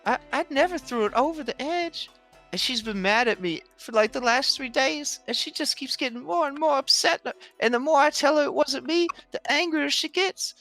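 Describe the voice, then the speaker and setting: An earnest cartoon pony, played by a man, talks high and bright with a folksy, plaintive manner. The hurt character belongs to a tabletop fantasy game, with faint music behind. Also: moderate pace, heavily acted, poor audio.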